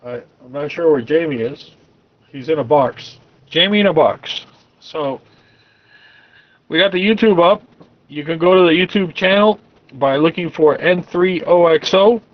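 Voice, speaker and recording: A man acting as net control for an amateur radio club, heard over a radio link and calling stations in a relaxed, joking way. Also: a little high, unhurried, pauses often, dull audio. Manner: relaxed, joking, loose running commentary. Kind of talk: directed ham radio net, casual chat.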